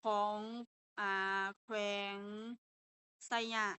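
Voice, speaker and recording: A woman's voice: extremely slow, sharp tone. A young woman with a Lao accent, teaching an online language lesson and explaining step by step with patient fillers.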